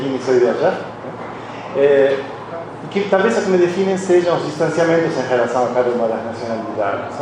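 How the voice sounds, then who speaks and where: Man lecturing in a very echoey hall. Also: mid-range voice. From Argentina. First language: Spanish. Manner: reflective and confessional, with frequent restarts. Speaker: conference speaker, philosophy professor. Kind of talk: personal academic lecture. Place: university conference hall. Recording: very echoey hall, voice from a distance, audible background noise.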